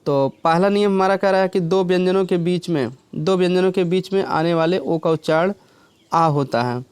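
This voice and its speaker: Male teacher, high and clear voice, patient step-by-step explaining, dry room. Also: moderate pace, darkish tone, no room sound. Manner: explains step by step, often checks with "clear?" and "theek hai". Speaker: English teacher. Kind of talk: classroom lesson.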